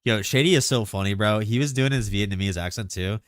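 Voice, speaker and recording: A man streaming live, chatting casually and excitably about game mechanics, rambling with lots of filler words. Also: fairly low pitch, brisk, clear, resonant tone, no room sound.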